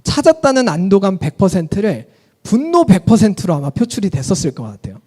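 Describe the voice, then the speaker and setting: Male pastor, animated sermon with a bouncing delivery, questions the congregation. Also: sits high, brisk. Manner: lively storytelling, asks the audience questions.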